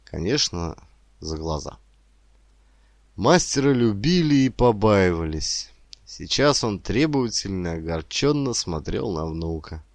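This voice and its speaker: Calm, unhurried male narrator. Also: low voice, no room sound. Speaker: audiobook narrator. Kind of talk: scripted narration.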